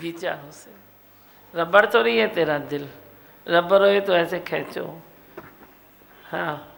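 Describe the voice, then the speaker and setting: A woman giving a satsang discourse as spiritual teacher, animated, coaxing and scolding with rhetorical questions. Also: fairly low pitch, slow pace, vocal fry, slight background noise, rough recording.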